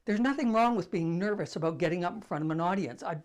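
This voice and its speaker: An older man, soft-voiced and pitched high, hosts a casual to-camera talk at a quick pace. He tells his stories conversationally and doesn't mind making himself the joke.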